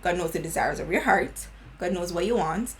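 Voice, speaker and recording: A woman's voice: on the low side, normal speed, slight background noise, rough recording. A woman in her twenties with a Jamaican accent, chatting earnestly and slipping into patois. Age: 20s. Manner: earnest, laughing, slips into patois. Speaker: beauty vlogger. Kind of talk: casual chat.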